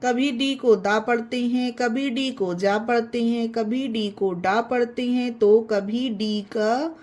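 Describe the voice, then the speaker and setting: A high-pitched woman gives an online English pronunciation lesson. She spells each word letter by letter, then explains the rule to her viewers as friends. She speaks at a very slow, deliberate pace. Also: steady tone, a little mellow.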